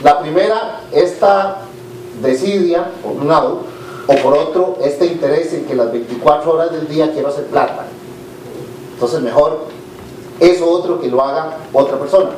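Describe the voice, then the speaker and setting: A man's voice: a little high, normal speed, darkish tone. A middle-aged man with a Costa Rican accent, a business leader giving a candid, conversational conference talk with frequent "eh" fillers. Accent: Costa Rican Spanish. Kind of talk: conversational speech to an audience. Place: conference hall with a live audience. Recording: echoey hall, distant mic, faint noise.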